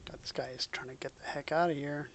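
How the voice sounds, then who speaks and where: A man's voice: a little high, fairly even intonation, fast talker, a bit bright, a little hiss or hum. A man streaming a game, giving casual commentary mixed with spoken commands.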